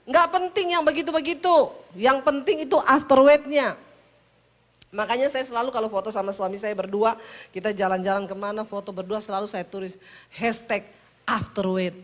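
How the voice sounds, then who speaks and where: A middle-aged woman pastor with a Sulawesi Indonesian accent, preaching with punchy, teasing humor. Her voice sits a little high for a woman, and she lands her lines briskly. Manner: lively storytelling, punchy and teasing. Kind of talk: humorous sermon.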